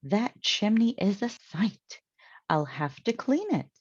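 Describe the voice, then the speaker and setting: A woman's voice: medium pitch, sing-song, takes it slowly, husky, no echo, muffled recording, pitched above the performer's own voice, full character voice. A woman voicing an earnest, plain-spoken housekeeper who takes everything literally, in a storybook reading.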